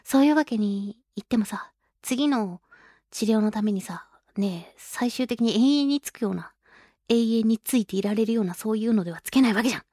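This radio host and children's singer speaks a little fast in a fairly high, warm voice, captured dry at studio quality. Her casual show has her reading listener mail themes, joking around, laughing a lot and performing the voices of the people she quotes.

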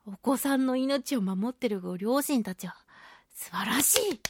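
A woman who is a radio host and voice actress tells stories in casual, animated radio talk, acting out the remarks she quotes. Her voice is fairly high and her pace moderate, with background noise present.

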